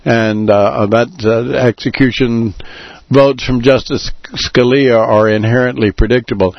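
A man's voice: mid-range voice, steady tone, gravelly, dry recording. Hesitant male radio host, dry sound. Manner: hesitant, many filler sounds, deliberate explaining. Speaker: radio talk show host. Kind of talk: live radio talk. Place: radio studio. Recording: dull lo-fi radio broadcast.

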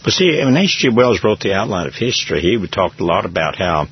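A man's voice: low-pitched, big pitch swings, fairly quick, dull audio, slight background noise. A man commenting on a radio talk show, opinionated and lecturing as he lays out his theory.

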